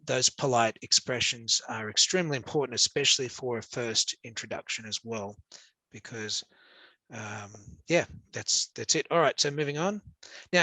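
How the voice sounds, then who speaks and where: An Australian man teaches an interactive class in a bright, pushed, medium-pitched voice. He's upbeat and jokey, awarding quiz points to encourage his students. The recording is dry.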